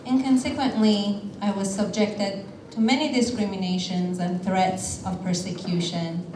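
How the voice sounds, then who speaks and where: A woman from Iran telling a personal story on a theater stage in a measured way, with deliberate pauses. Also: mid-range voice, steady tone, noisy background. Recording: roomy theater sound from a distance.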